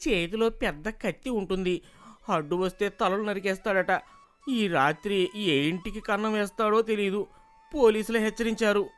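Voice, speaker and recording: A man voicing an alarmist male villager in an animated story, spreading scary news. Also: high-pitched, normal speed, clear, resonant tone, soft background music, voice pushed up. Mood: alarmed.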